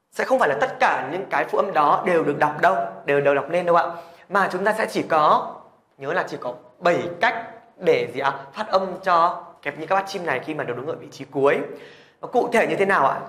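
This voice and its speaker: A man's voice: on the high side, expressive, fairly quick, fairly bright tone, reverberant. A man teaching a language lesson, patiently repeating questions to check that students follow. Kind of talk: classroom lesson explanation.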